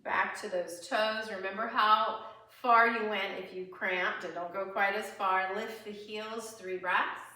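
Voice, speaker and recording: During a chair yoga class, a woman gives encouraging, chatty instructions tied to the breath, laughing lightly now and then. She speaks a little slowly at medium pitch, steady and sharp, hardly pausing, and is recorded at a distance in an echoey room.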